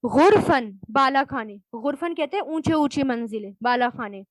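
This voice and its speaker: Woman, Quran teacher, high-pitched, recites then translates. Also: expressive, dry recording, poor audio. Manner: recites Arabic words, then glosses each in Urdu. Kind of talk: word-by-word scripture lesson.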